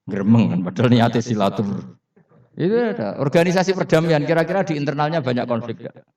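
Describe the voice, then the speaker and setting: Very animated and fairly quick, a Javanese-accented man with a mid-range, darkish voice delivers a Quran study sermon full of stories and questions put to the audience, along with laughter. The hall recording sounds distant, roomy and dull.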